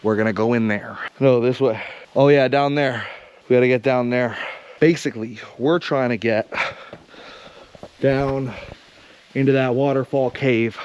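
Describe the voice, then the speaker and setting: A man's voice: mid-range voice, fairly even intonation, unhurried, pauses often, darkish tone, smooth, highs cut off. A man chatting upbeat to a handheld camera as he narrates a hike on an outdoor trail. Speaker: vlogger and hiking guide. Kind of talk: casual trail vlog narration.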